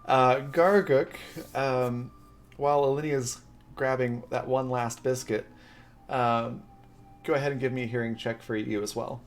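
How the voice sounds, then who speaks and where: A man narrating as game master of a tabletop game, hesitant with many ums and quick to laugh. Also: mid-range voice, fairly even intonation, slight background noise.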